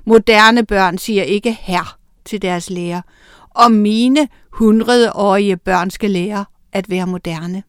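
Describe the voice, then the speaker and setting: A woman's voice: medium pitch, clear, resonant tone, no room sound, studio quality, lightly acted. A woman voicing a male teacher who has turned kind and speaks mildly, in a storybook reading. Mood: friendly. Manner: kindly and mild. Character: formerly strict male teacher, now friendly.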